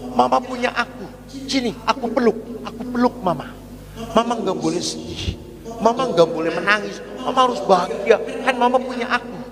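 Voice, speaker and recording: Priest putting on a sweet teenage boy, high pleading voice, echoey church hall with people around. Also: moderate pace, crowd noise. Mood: tender, insistent. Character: earnest affectionate teenage boy comforting his mother. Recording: reverberant church hall with congregation.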